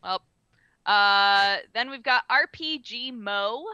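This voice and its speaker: Tinny, metallic-sounding bright-voiced woman. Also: mid-range voice, takes it slowly, clear, resonant tone, dry recording. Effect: tinny, metallic tin-can sound. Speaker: podcast co-host reading a game release list. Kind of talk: casual chat, list reading. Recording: dull band-limited sound, tin-can tone.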